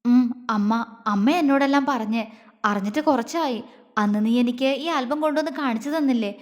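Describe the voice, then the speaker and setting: A woman voicing a tender, protective young man who speaks gently and slowly, in a reverberant recording. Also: natural voice. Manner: gentle, low and slow. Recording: long reverb.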